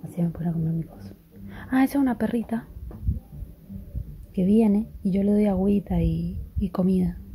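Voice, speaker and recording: A young woman vlogs casually from her rural house, her voice low and weak from illness, often half-whispering and cooing at dogs. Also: moderate pace, pauses often, dark tone, slight background noise. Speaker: vlogger. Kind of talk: casual vlog narration. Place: rural house, partly outdoors.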